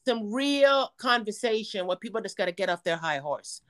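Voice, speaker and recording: A woman's voice: mid-range voice, expressive, normal speed, fairly bright tone, no room sound, clean studio sound. A woman hosting a casual podcast chat, affectionate and encouraging, calling her guest honey and girl. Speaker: podcast host.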